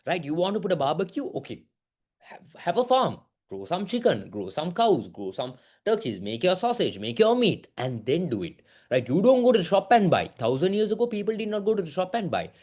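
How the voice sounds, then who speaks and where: A young man teaching an online business class, asking lots of quick questions. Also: sits high. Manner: lively, keeps asking "right?", mixes in Sinhala words. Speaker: business studies tutor.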